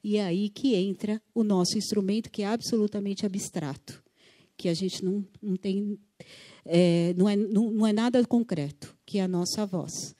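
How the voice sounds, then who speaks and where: A woman's voice: mid-range voice, moderate pace, warm tone. A woman giving a conversational workshop talk on fundraising, repeating words for emphasis and acting out phone calls. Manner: acts out phone dialogues with voice shifts. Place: church workshop audience.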